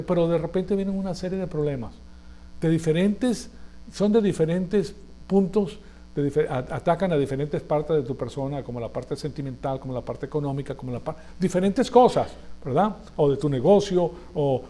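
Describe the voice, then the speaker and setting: A man's voice: sits high, mellow. A man preaching a sermon in a conversational way, reading scripture aloud and often asking his listeners rhetorical questions.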